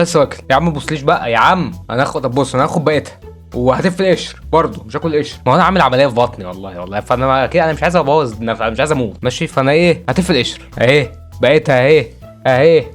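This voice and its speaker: A young man with an Egyptian Arabic accent hosts a gaming video, giving excitable let's-play commentary full of repeated phrases and cries. His medium-pitched voice goes very fast, with faint music in the background.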